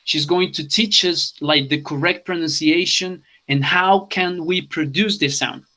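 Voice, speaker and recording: A man's voice: fairly high pitch, steady tone, takes it slowly, sharp tone. A man from Colombia teaching an online English class, switching languages and repeating instructions.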